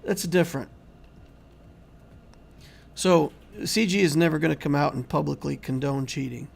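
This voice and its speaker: Gravelly-voiced man answering chat. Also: on the high side, normal speed. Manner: conversational, rambling with restarts, answering chat. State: losing his voice, clearing throat. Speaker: YouTube game channel host. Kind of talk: casual livestream commentary.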